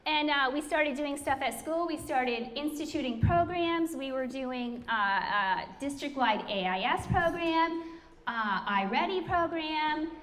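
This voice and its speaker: A woman's voice: high-pitched, a bit bright. A middle-aged woman telling a chatty, self-deprecating story to an audience, laughing often. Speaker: speaker introducing the founder. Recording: hall reverb, faint room noise.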